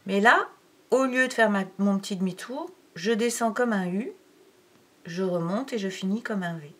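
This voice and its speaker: A woman's voice: mid-range voice, fairly bright tone. A woman teaching handwriting to a young pupil, talking through each stroke step by step and counting aloud, sometimes dropping to a near-whisper. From France. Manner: slow, counting aloud while writing, drops to near-whisper. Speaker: primary school teacher.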